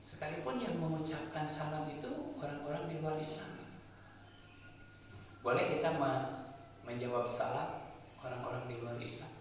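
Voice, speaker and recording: A man's voice: a little high, normal speed, pauses often, a bit bright, a little hiss or hum. A male preacher gives a sermon, explaining point by point and asking and answering his own questions. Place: mosque hall. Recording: echoey hall, voice from far off.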